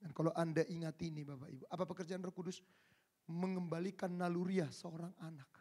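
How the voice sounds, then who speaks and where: High-voiced preacher, quiet to shouting. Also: male voice, level tone, fairly quick, slightly rough. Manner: swings from quiet asides to shouted climaxes; addresses the congregation directly. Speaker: pastor. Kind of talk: sermon. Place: church service.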